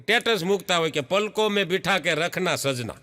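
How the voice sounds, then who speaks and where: Lively high-voiced comic storyteller. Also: male voice, a little fast. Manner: lively storyteller acting out jokes, laughs often. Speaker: stand-up comedian. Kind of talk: Gujarati folk stand-up joke telling.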